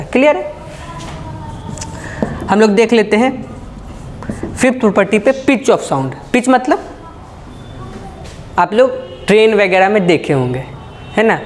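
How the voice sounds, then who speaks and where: A physics teacher gives a classroom lecture, asking questions and answering them himself with folksy everyday examples and frequent checks for understanding. His voice sits high and animated, a little slow with frequent pauses, and there's a slight hiss or hum.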